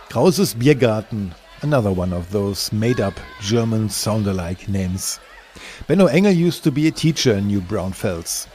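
A man narrating a documentary voice-over in a calm, explanatory way. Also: lowish voice.

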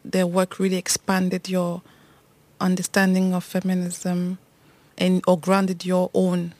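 A woman's voice: lowish voice, completely flat delivery, takes it slowly, darkish tone, dry recording. A woman from Cameroon co-hosting a podcast, talking casually and reflectively, with frequent restarts and hesitations. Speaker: podcast co-host. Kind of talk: casual conversation between friends.

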